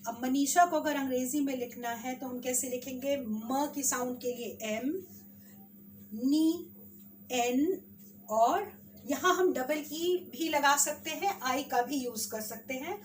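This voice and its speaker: A woman teacher with an Indian accent, slowly sounding out words for children in a spelling lesson. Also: high-pitched, recorded from a distance, a little hiss or hum. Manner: slow, drawn-out sounding of words.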